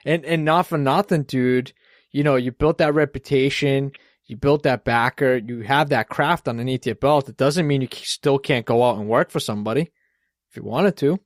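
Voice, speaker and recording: A man's voice: medium pitch, normal speed, no echo, clean studio sound. A man with a Boston accent hosting a podcast, rambling in casual chat and swearing freely. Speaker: podcast host.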